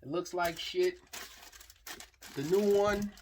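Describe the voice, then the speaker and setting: A man with a slightly higher-than-average voice walks through his engine project in a loose, rambling way. He talks casually to viewers in a garage vlog, full of fillers and restarts. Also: slow pace, very noisy. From New York. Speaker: hobby mechanic vlogger.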